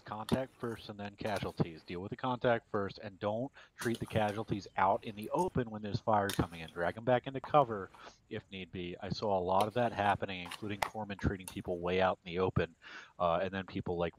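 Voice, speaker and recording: A man leading a military sim game unit, calmly passing notes to his players over a radio with clicks and static bursts, repeating key points. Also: low-pitched, rough recording. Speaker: milsim unit leader giving notes.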